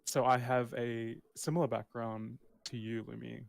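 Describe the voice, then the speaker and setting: Candid man with a gravelly voice. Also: mid-range voice, flat delivery, normal speed. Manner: candid, self-interrupting. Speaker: podcast co-host. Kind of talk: casual chat.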